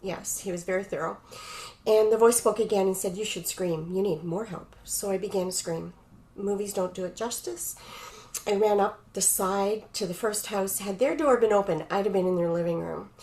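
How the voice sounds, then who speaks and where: A woman's voice: mid-range voice, moderate pace, a little mellow, poor audio. A middle-aged woman from Canada, a podcast guest telling a personal story vividly and acting out quoted dialogue.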